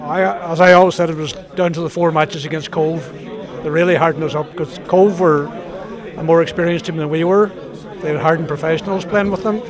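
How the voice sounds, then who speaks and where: A man's voice: fairly high pitch, steady tone, brisk, crowd noise. Older man with a Donegal accent. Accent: Donegal Irish. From County Donegal, Ireland. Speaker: former footballer being interviewed. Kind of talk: casual reminiscing interview.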